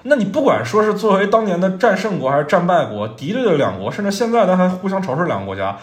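A man co-hosting a podcast, giving lively, opinionated takes on films in casual conversation. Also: high voice, quick pace. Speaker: podcast co-host. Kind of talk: casual film chat.

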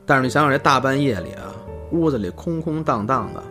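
A man hosting a storytelling podcast, narrating in a lively, chatty way with asides to his co-host. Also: mid-range voice, quick pace, over music.

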